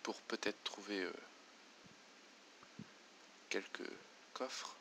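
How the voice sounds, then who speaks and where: A man's voice: on the low side, very slow, background noise. A man doing let's play commentary, muttering to himself and reading game menus aloud. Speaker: gamer.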